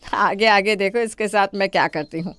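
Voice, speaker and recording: A woman voicing a scheming older mother-in-law in an animated story, with theatrical wailing and complaining. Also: mid-range voice, moderate pace, clean tone, dry recording, natural voice. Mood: gloating.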